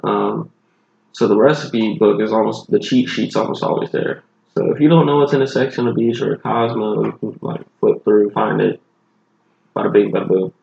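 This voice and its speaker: Man, Southern accent, groggy, low-pitched, rambling casual chat, muffled audio. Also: steady tone, moderate pace, gravelly, a little mellow, reverberant. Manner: rambling, loose, swears casually. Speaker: podcast co-host, bartender.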